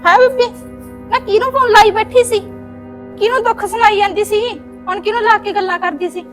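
A woman playing a high-voiced young daughter-in-law. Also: fairly quick, faint music behind, close to an everyday voice. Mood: teasing. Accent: Malwai Punjabi. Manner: teasing then reassuring. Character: teasing, caring young pregnant daughter-in-law. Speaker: actor in a village short film. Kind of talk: village family drama.

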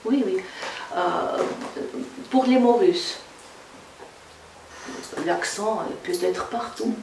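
A woman, a translator giving a halting reading talk full of fillers. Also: medium pitch, vocal fry, darkish tone. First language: Russian. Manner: slow, halting, with many fillers. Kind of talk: reading talk with audience questions. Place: reverberant room in a château. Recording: echoey room, distant mic, faint noise.

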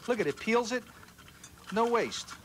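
A man with a fairly high voice runs a live cooking segment. He teases his partner while he explains each step. Faint noise sits under the voice. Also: expressive, measured pace. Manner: joking, instructive, talks over his co-host. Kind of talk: live TV cooking demo banter.

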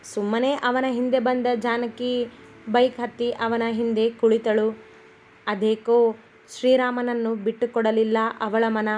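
A woman narrating a romantic story in a steady, unhurried storybook reading. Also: fairly high pitch.

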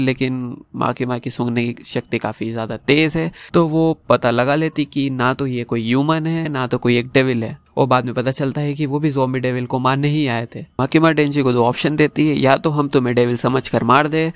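A YouTuber narrates a review with a plot recap, conversational and mixing in English phrases. His mid-range voice is smooth, with no echo, and background music plays under it.

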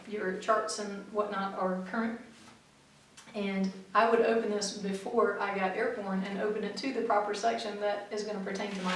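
A middle-aged woman flight instructor, calmly explaining practical tips to camera in a methodical way. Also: mid-range voice. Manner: clear, methodical, practical advice. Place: small studio room in front of a backdrop, seated. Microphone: far camera mic. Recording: very echoey room, mic far off.

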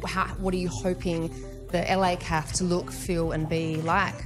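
A woman hosting an interview podcast, upbeat, enthusiastic and jokey, speaking into a studio boom mic. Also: level tone, normal speed, music in the background. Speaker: podcast host. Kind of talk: casual interview chat. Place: studio with neon-lit backdrop. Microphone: studio mic on boom arm.

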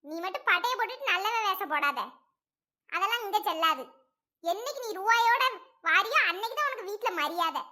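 Woman playing a sharp-tongued village wife. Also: extremely high pitch, lively intonation, brisk, exaggerated voice. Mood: scornful. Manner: scolding, sarcastic.

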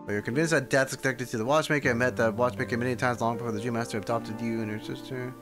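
A streamer reacts to a game's story with casual live commentary, muttering offhand remarks and skimming text aloud. His mid-range voice is rapid-fire with fairly even intonation, and faint video game music plays behind him.

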